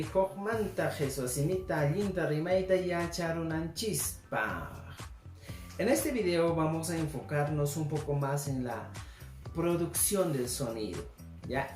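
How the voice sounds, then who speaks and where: A woman teaching a language lesson, modeling sounds patiently and slowly for learners to repeat. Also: deep voice, darkish tone, reverberant. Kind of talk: spoken lesson with repetition drills.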